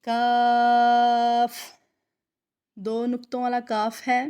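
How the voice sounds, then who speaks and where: A woman teaching a recitation lesson, patiently explaining each letter and drawing its sound out slowly. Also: fairly high pitch, fairly even intonation, a little mellow. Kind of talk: tajweed lesson, slow letter drills.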